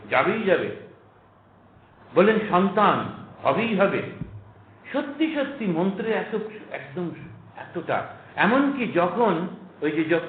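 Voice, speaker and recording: High-voiced monk lecturing in an echoey hall. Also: male voice, slight background noise. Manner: storytelling, humorous asides, rhetorical questions. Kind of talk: spiritual lecture with anecdotes. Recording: echoey, tinny phone-like lecture recording.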